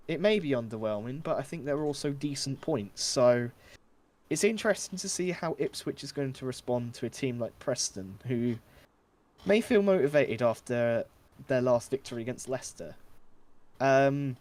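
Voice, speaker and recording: A man hosting a casual football predictions chat, measured and a little hesitant with fillers. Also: mid-range voice, a little mellow.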